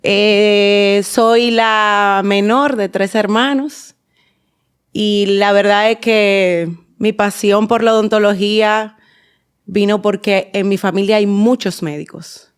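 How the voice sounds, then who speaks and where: A Dominican woman in her forties with a Dominican accent, a guest in a podcast interview, telling her story in an unhurried way with many fillers and restarts. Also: mid-range voice, fairly even intonation, smooth. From Dominican Republic. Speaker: guest, endodontist and dental teacher.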